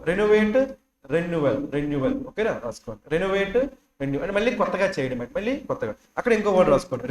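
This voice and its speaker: A male teacher with a high-pitched voice gives a classroom vocabulary lesson, drilling words and repeatedly asking students to say them back and write them down. The room is echoey.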